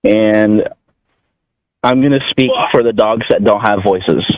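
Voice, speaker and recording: A man giving halting, earnest testimony as a public commenter at a meeting. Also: on the low side, no echo. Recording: muffled, radio-like audio.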